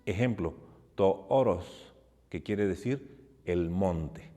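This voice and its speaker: A man narrating an educational lesson in a calm, measured way, explaining term by term. His voice sits at an ordinary pitch and rings with a long hall reverb, with faint guitar music underneath. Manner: measured, explanatory, spells out examples. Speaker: teacher.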